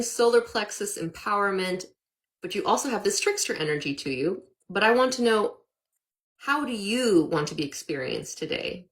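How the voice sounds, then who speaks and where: A woman's voice: on the low side, rough recording. A woman hosting a live interview, speaking with a lisp from new braces in a chatty, welcoming way. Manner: chatty, welcoming, stretches words. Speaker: host.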